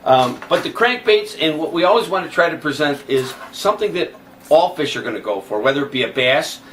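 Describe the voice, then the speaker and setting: A man's voice: a little high, animated, brisk, a bit bright. A man hosting a fishing show, chatting casually and explaining step by step while he shows lures. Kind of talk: casual chat. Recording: picked up from a distance, faint background noise.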